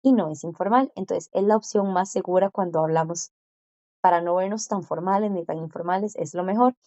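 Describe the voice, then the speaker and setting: A woman teaching a class, explaining patiently and repeating words slowly for her students to copy. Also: lowish voice, dark tone, no room sound, lo-fi sound. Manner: slow, careful pronunciation drills with repetition. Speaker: Korean language teacher.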